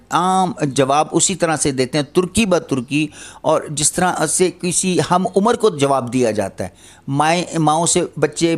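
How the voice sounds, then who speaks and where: An older man giving an earnest religious lecture, admonishing his listeners and posing rhetorical questions. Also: on the high side. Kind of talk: Islamic lecture on parenting.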